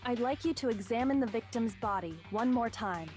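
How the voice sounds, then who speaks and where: A cool, cryptic teenage detective girl, acted by a woman in an anime game. She speaks calmly and confidently in a slightly high voice, over faint music. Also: moderate pace, lightly acted. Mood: calm confidence. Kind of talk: dubbed anime game acting.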